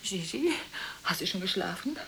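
A woman's voice: on the low side, very animated, moderate pace, vocal fry, very noisy. An actress in a 1980s radio play, playing a restless, anxious woman who rambles on the phone late at night. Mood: hesitant. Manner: rambling, searching, intimate.

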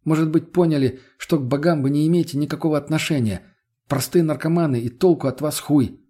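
A man voicing a hot-headed, irritable young man who keeps shouting in exasperation. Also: a little high, brisk, pitched above the performer's own voice, close to an everyday voice. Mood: dismissive.

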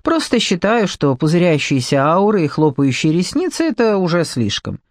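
A man's voice: high-pitched, sing-song, moderate pace, dry recording, clean studio sound. A man voicing an eccentric, brusque male paranormal detective in an audiobook, lecturing and dryly sarcastic. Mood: grumbling. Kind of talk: audiobook character reading.

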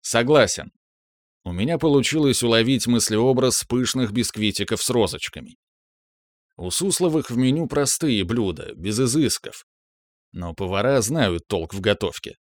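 Low-voiced young man narrating an audiobook. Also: dry recording, clean studio sound. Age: young adult.

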